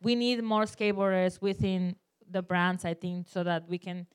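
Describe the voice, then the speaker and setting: A woman's voice: on the low side, little pitch movement, normal speed, smooth. A woman, a native Spanish speaker, talking casually as a panel guest and telling anecdotes in non-native, Spanglish-tinged English. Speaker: panel guest, skateboard photographer.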